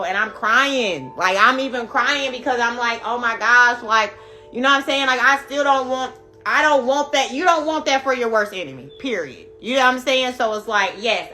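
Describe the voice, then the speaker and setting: A woman's voice: a little high, pushed and bright. A woman host telling her viewers a personal story in a candid, emphatic way, swearing often and checking in with "right?" and "you know". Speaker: spiritual reader and video host.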